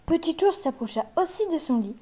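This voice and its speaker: A woman reads a children's fairy tale aloud. Her voice is high but mellow. She tells it gently and at a measured pace. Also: animated. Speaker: narrator. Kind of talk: reading a children's story aloud.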